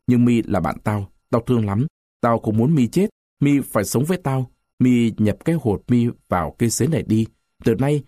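A man's voice: medium pitch, warm tone, no room sound, studio quality, natural voice. A man voicing a stern, grieving old villager.

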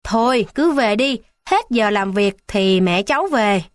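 Woman voicing a gruff gatekeeper. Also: mid-range voice, animated, unhurried, dry recording, clean studio sound, natural voice. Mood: scolding. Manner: scolding, threatening. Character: gruff male hospital gatekeeper.

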